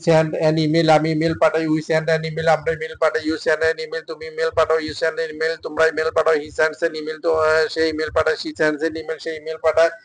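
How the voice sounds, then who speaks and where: A man with a Bengali accent teaching an English lesson, reading each drill sentence in English and then in Bengali, steady and measured. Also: a little high.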